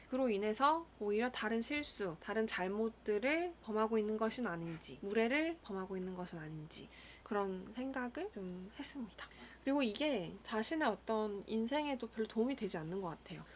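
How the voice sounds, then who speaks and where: Young woman counselor, mid-pitched, musing gently aloud with a few whispered asides. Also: slight background noise. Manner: calm, thoughtful, measured, with soft whispered asides. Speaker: school counselor. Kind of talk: reflective solo monologue.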